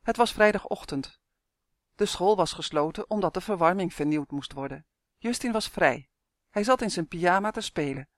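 An audiobook reader calmly narrating a children's story. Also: medium pitch, moderate pace, dry recording, studio quality. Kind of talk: scripted narration.

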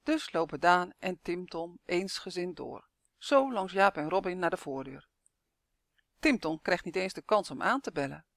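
Expressive storybook narrator, dry sound. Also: medium pitch, normal speed, gravelly, no echo. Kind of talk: reading a children's story aloud.

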